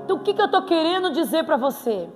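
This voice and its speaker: Brazilian woman preacher, high voice, lively and joking, church reverb with soft music under. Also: quick pace. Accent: Brazilian Portuguese. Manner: playful, animated, bursts into exclamations. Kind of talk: sermon. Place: church hall. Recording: reverberant hall with faint music.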